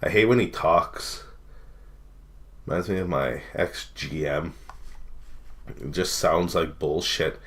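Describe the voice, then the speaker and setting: A Canadian man rants over clips in a low, unhurried voice. He swears freely and mocks whoever is on screen, then laughs at his own jokes. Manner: profane, mocking, laughing often. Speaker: streamer. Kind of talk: casual reaction rant.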